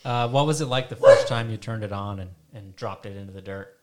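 A man's voice: fairly low pitch, a little fast, a little mellow. A man hosting a podcast, asking a farmer straightforward questions with the occasional light joke. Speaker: podcast host. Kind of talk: interviewing.

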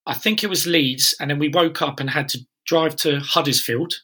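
A man from the London area recounts a football away day in relaxed conversation. His voice is bright and sits a little high, and he wanders through the story with plenty of ums and uhs. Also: normal speed, husky. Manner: meandering storytelling with fillers. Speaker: podcast co-host. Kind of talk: casual chat.

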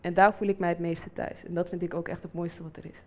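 A woman in her twenties tells a personal story fast, acting out the people in it with lively quoted voices. Her voice sits on the low side, and the recording is very noisy.

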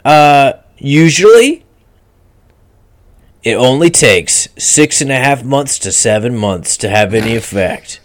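A man improvising a parody radio sales pitch as a pitchman, with deadpan salesman patter. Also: slow.

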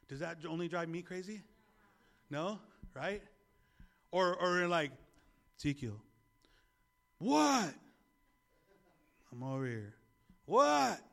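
High-voiced, gravelly man preaching a sermon. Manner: conversational preaching with repeated restarts; calls the congregation to repeat words. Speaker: pastor.

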